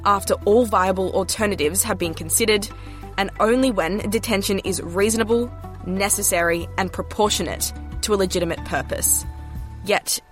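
A woman news reporter, delivering scripted news narration. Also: medium pitch.

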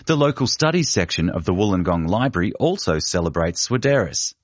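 Man, deep voice, very expressive intonation, dry close read, scripted feature narration. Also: no room sound. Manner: measured, deliberate reading. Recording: dull, muffled studio read.

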